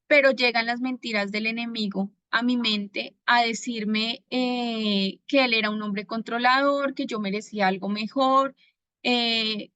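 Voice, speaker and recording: A woman from Bogotá with a Colombian accent, giving a personal faith testimony in an earnest manner, pausing often to gather her words. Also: on the high side, pushed and bright, no room sound, muffled recording. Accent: Bogotá Colombian Spanish. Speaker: testimony giver.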